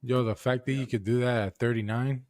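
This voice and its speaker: A man's voice: mid-range voice, fairly even intonation, brisk, a little mellow. A man in a casual livestream chat, telling loose stories and swearing freely.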